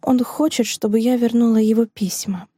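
A woman reading an audiobook, voicing a heartbroken woman teacher who speaks in a hushed, trembling but firm manner. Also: fairly high pitch, fairly even intonation, normal speed, slightly rough, dry recording, studio quality. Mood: sorrowful, resolute.

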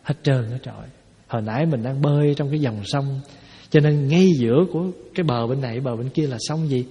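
Speaking a little fast with a warm tone, this man has a medium-pitched voice. He is a Buddhist monk delivering a folksy dharma talk to a hall, leaning on rhetorical questions to explain. The sound is lo-fi and dull, and the hall echoes.

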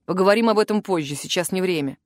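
A woman's voice: on the low side, fast talker, dry recording, studio quality, pitched below the performer's own voice, natural voice. A woman reading the part of a stern, haughty male curator mage in an audiobook, speaking curtly and commandingly. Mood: concerned. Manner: curt, commanding.

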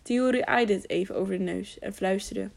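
A woman's voice: mid-range voice, normal speed, creaky, darkish tone. A woman narrating an audiobook, stumbling now and then and correcting herself. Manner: frequent slips and self-corrections. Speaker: audiobook reader. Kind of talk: scripted narration.

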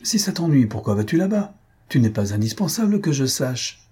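A man's voice: mid-range voice, moderate pace, dark tone, slightly rough, natural voice. A man voicing an elderly dowager countess, a reproving yet motherly mother-in-law in a read-aloud novel. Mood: irritated.

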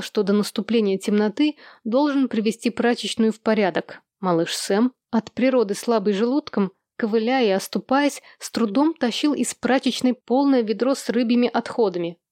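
A woman's voice: fairly high pitch, a little mellow, no room sound. Woman reading an audiobook, dry. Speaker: audiobook narrator. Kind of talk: scripted narration.

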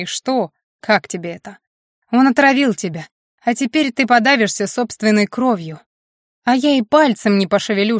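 Woman doing an angry werewolf bear guy, sneering, accusing, dry close sound, mid pitch. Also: dry recording, lightly acted. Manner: accusing, scornful. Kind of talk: audiobook character reading.

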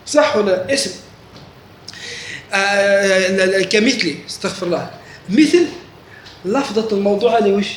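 Speaking at a moderate pace with frequent pauses, this man's voice sits high as he teaches religion to a class. He often stops to ask questions and check that students understand. Faint noise hangs in the echoey room.

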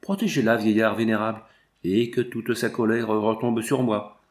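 A man's voice: lowish voice, normal speed, a little mellow, natural voice. A man reading the part of a proud, defiant young man speaking out against a tyrant. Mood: earnest. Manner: defiant, earnest. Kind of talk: audiobook character reading.

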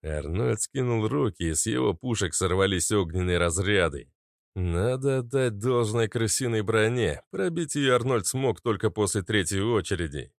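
A man narrating a fantasy audiobook in an even, measured reading. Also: fairly low pitch, gravelly, no echo, studio quality. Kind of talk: scripted narration.

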